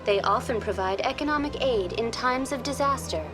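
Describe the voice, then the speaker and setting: A woman voicing a courteous virtual intelligence guide in a science fiction game, formal, measured and impersonal. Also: on the high side, music in the background, lightly acted. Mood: polite, composed. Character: courteous female virtual intelligence tour guide on a space station. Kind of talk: scripted informational game dialogue.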